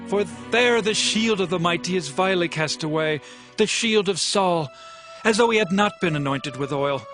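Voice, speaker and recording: A man's voice: high-pitched, lightly acted. An actor playing a solemn, impassioned king of ancient Israel in a dramatized audio Bible. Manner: solemn, impassioned, archaic declamation. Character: David, grieving and commanding warrior king of Israel. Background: music.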